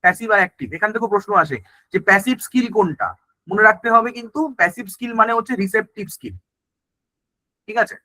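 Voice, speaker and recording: A man's voice: sits high, quick pace, sharp tone, no room sound, rough recording. A man teaching an exam-prep lesson. He explains in Bengali mixed with English terms and keeps checking that the class is following.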